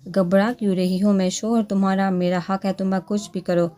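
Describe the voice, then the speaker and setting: A woman's voice: medium pitch, level tone, normal speed, mellow, close to an everyday voice. Woman reader as a menacing young policeman husband, mocking and bossy, audiobook. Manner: threatening, mocking, commanding.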